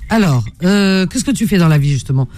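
A woman's voice: lowish voice, lively intonation, fairly quick, a little mellow. A woman hosting a call-in radio show in a chatty, informal way, often repeating herself.

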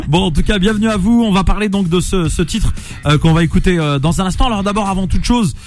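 Over faint background music, a high-voiced French morning radio host speaks at a moderate pace. He keeps the interview casual, teasing his guests playfully and hesitating often to fill the gaps.

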